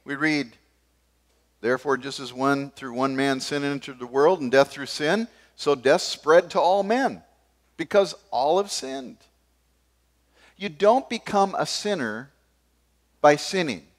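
An older man preaching a sermon from a church pulpit, gesturing as he moves between forceful emphasis and sudden quiet asides. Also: fairly high pitch, unhurried, pauses often. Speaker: pastor. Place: church stage behind a wooden pulpit.

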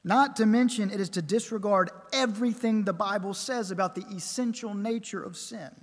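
A man preaching a sermon at a pulpit microphone, measured and emphatic, building his points with repeated phrases. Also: high-pitched. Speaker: pastor. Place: church sanctuary. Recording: long church reverb.

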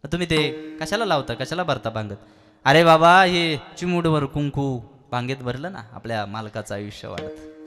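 Man preaching a lively devotional sermon. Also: medium pitch. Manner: lively, asks the audience rhetorical questions. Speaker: kirtan preacher.

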